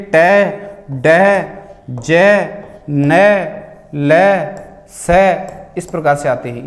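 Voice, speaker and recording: Echoey high-voiced male teacher. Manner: quizzing questions he answers himself. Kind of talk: exam solution lesson. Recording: echoey room.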